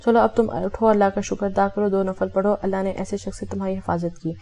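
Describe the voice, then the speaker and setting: A woman's voice: medium pitch, steady tone, mellow. A woman reading a romance novel aloud, voicing every character in her own voice with small self-corrections. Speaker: audiobook narrator.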